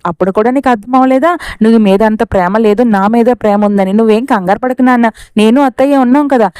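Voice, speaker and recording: A woman's voice: a little high, warm tone, no echo, studio quality, lightly acted. A woman reading the lines of an earnest young man who is a devoted son, in a reassuring storytelling voice.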